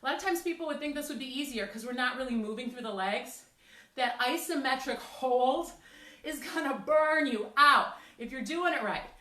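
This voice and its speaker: Breathless high-voiced woman fitness instructor. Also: normal speed, bright, forceful tone. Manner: encouraging, counting down reps. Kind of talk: workout class instruction. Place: fitness studio. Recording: echoey room, mic at a distance.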